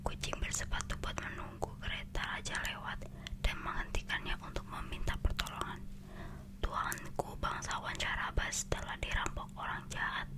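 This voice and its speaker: A storyteller with an Indonesian accent reads fairy tales aloud in a whispered ASMR style, now and then stumbling and correcting the words.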